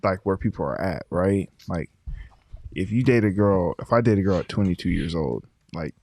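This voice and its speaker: A man's voice: low-pitched, lively intonation, normal speed, a little mellow, dry recording. A man in casual podcast chat, slangy and teasing, repeating himself as he argues. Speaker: podcast co-host.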